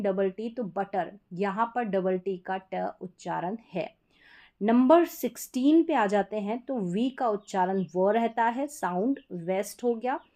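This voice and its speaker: A woman with a somewhat high voice is teaching a pronunciation lesson. She explains each sound patiently, step by step, and says the example words twice so they sink in. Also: darkish tone.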